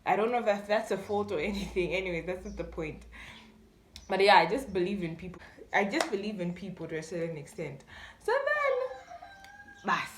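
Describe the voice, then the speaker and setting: With a mid-range voice, big pitch swings and a slightly fast delivery, a young Malawian-accented YouTube storyteller acts out her story's dialogue in casual chat. There's echoey room sound and slight background noise.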